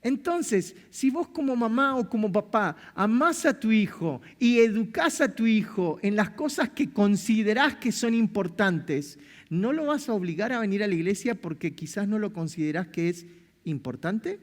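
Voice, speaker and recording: An animated Argentine man preaches in a big church hall, his voice ringing with long reverb. He speaks high for a man and swings his pitch widely, firing off rhetorical questions and repeating his phrases. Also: moderate pace. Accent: Argentine Spanish. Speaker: pastor. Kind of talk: sermon.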